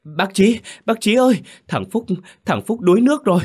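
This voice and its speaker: A man's voice: sits high, lively intonation, normal speed, darkish tone, slightly rough, voice pushed up. A man voicing a terrified village boy who is crying out for help. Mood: panicked, crying.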